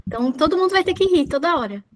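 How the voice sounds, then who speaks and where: A woman's voice: high-pitched, slight background noise. A woman hosting an online meeting over a video call, friendly as she organizes the group.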